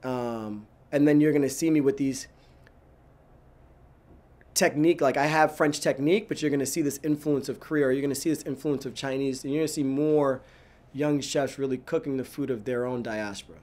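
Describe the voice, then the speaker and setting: A man in his thirties, a chef from New York, talking casually and with lots of energy. His voice sits at an ordinary pitch for a man, and he keeps breaking off and restarting his sentences, with "like" everywhere. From New York, USA. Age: 30s. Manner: animated, talks fast with many "like"s and restarts. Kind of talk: casual interview answers.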